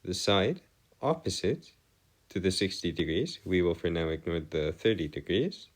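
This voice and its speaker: Speaking at a moderate pace in a low voice with lively intonation, a man works as a math tutor giving an informal lesson one step at a time. His language leans formal and wordy, and he often hesitates to correct himself.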